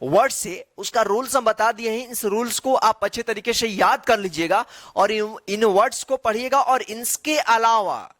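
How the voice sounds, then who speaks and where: A man's voice: sits high, moderate pace, fairly bright tone, no echo. A man teaching an English reading lesson, spelling out words letter by letter, asking the class how each word is read and answering himself with repeated readings. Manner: asks the class questions and answers them himself.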